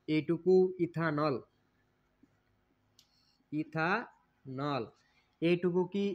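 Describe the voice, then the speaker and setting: Man teaching chemistry, asking himself questions. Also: fairly high pitch. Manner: repetitive, asks and answers own questions. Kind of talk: classroom lecture. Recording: dull lo-fi recording.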